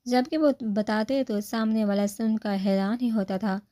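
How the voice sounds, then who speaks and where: A woman with a Pakistani accent reading a romance novel aloud as narrator, at a steady storytelling pace. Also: fairly high pitch.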